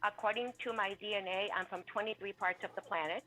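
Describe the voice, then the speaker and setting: A woman from New City, a guest on a talk show, relaxed and quick to laugh. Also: mid-range voice, faint music behind, low-quality recording. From New York City. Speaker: guest, author and intuitive. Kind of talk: casual interview.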